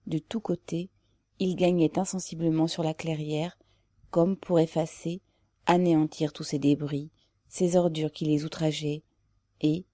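A woman narrating an audiobook in a measured, even way. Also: low voice, no echo, studio quality.

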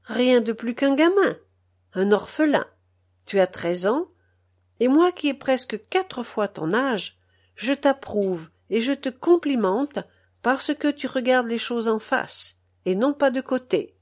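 A woman reading the part of a pompous middle-aged male icon painter who gives a solemn, monotone speech in a storybook. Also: on the high side, slow pace.

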